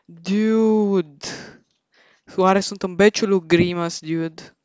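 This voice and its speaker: A young Romanian man giving excitable, slangy commentary while playing Minecraft, panicking and repeating no over and over. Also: a little high, smooth, dry recording. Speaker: Minecraft gaming YouTuber. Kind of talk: casual gameplay commentary. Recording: dull lo-fi home mic.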